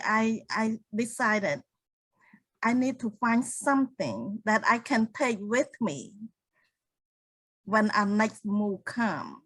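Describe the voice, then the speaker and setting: Slow Cambodian-accented older woman. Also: on the high side, fairly bright tone, no room sound, rough recording. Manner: unhurried, with restarts and non-native grammar. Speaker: guest, speaker and author. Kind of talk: interview answers.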